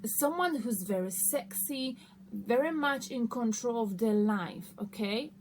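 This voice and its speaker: High-voiced woman reading tarot, noisy recording. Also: lively intonation, measured pace. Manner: conversational, repeatedly checking in with listeners. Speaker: tarot card reader hosting an online reading. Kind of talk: casual spoken tarot reading to camera. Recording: noticeable background noise.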